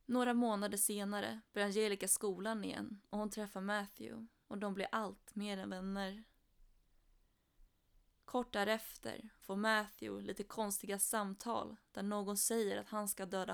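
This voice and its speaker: Woman narrator for a true crime story, even delivery, some vocal fry. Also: mid-range voice.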